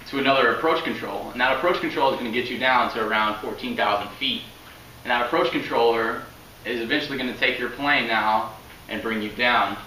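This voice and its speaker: Speaking in a medium pitch that sounds pushed and bright, a young man delivers a casual informational speech for school. The recording was made indoors at home by a camera a few meters off, so it's roomy and faintly noisy with a distant mic.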